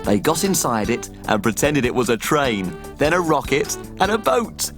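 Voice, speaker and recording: A man's voice: mid-range voice, sing-song, normal speed, music in the background, close to an everyday voice. A man playing a tiny, cheerful, eager little cook in a children's show, with an exaggerated, enthusiastic sing-song delivery. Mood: storytelling. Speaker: children's TV presenter. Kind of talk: playful children's show presenting and storytelling.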